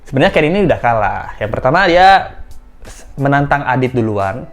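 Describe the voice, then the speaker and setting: A man's voice: medium pitch, very animated, brisk, faint music behind. A man giving casual commentary as he reads out messages, lifting his voice to mimic the writers and laughing often. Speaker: commentary vlogger.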